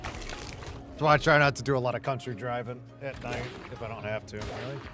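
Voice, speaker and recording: A man talks loosely over a game session, swearing freely and tripping over his own sentences as he rambles. His voice sits at an ordinary middle pitch. Faint music plays underneath. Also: fairly quick. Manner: profane, rambling, many restarts. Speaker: gamer chatting with a friend. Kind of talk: casual chat while gaming.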